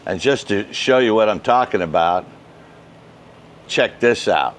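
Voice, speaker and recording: An older man hosts a ham radio vlog from a suburban backyard beside a patio and shed, explaining things casually and step by step to camera. Recorded on a wireless lapel mic clipped to his shirt, his fairly low voice is animated and a little slow, with slight background noise.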